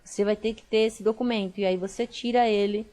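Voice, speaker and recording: A young Brazilian woman teaching a class online. She is chatty and explains things step by step with plenty of fillers. Her voice sits at a middle pitch. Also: fairly even intonation, brisk, mellow.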